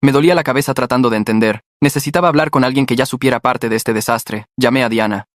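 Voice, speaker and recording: Un hombre con acento mexicano que narra en primera persona una historia escrita, en tono tenso y constante. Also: male voice, medium pitch, fast, dry recording, studio quality. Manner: tense, steady storytelling. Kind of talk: scripted first-person story narration.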